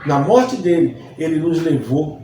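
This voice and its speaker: Pastor baiano numa sala com muito eco. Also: male voice, on the high side, animated, a little slow, mellow, slight background noise. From Bahia, Brazil. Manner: earnest, repeats phrases for emphasis. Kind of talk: Bible study teaching. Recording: distant mic, very echoey room.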